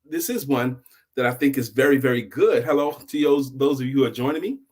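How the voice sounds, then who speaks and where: Husky and medium-pitched, a middle-aged host tells a story with emphasis and deliberation, using dramatic pauses and quiet, hushed drops.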